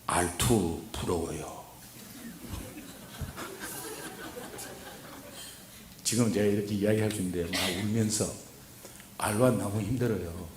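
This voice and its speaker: A man preaching at a revival, telling a story and then exhorting, moving from hushed recounting to loud urging. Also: lowish voice, big pitch swings, very slow, long pauses, slight background noise. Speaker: guest preacher. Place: church sanctuary. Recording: echoey church hall.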